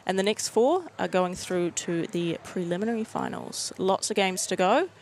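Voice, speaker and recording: A woman's voice: medium pitch, lively intonation, normal speed, a little mellow, a little hiss or hum. A woman with a New Zealand accent doing upbeat, chatty live commentary on a sports broadcast.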